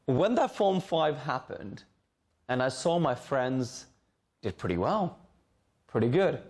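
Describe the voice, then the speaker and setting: Middle-aged guy from hong kong talking to students in a school library, earnest, keeps repeating words, mid-pitched voice. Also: sing-song, slow pace, a little mellow. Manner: earnest, repeats words while searching for phrasing. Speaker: alumnus guest speaker. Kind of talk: informal talk to students. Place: school library, seated at a table.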